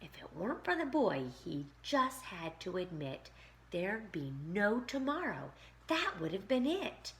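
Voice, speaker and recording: Slow, sing-song woman reading a rhyming story. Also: medium pitch, sing-song. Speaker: pre-K teacher. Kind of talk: reading a picture book aloud to children.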